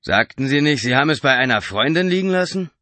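A man voicing a loud, gruff and suspicious male taxi driver in an audiobook. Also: mid-range voice, lively intonation, quick pace, dry recording, voice pushed up.

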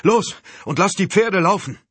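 A man voicing a tough, commanding young woman fighter, pitching his voice up for her. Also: normal speed, slightly rough, no echo. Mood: shouting urgently. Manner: raised, urgent shouting in a pitched-up voice.

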